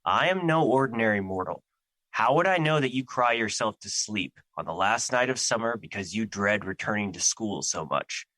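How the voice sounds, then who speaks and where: Audio drama: male actor as an ancient embodiment of fear, grandiose and troubled, forceful edge, dry recording. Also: fairly low pitch, expressive, normal speed, no room sound, poor audio. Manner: formal, grandiose, theatrical.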